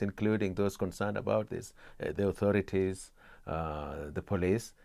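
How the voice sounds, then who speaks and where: A middle-aged man from Kenya, explaining his theatre work in an interview, measured with many pauses and restarts. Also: low-pitched, gravelly, darkish tone, dry recording.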